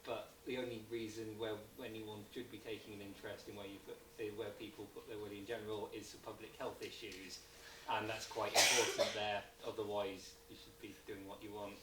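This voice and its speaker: A man's voice: lowish voice, little pitch movement, brisk. A man on a discussion panel, speaking casually and a little hesitantly. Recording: echoey hall, distant mic, audience noise.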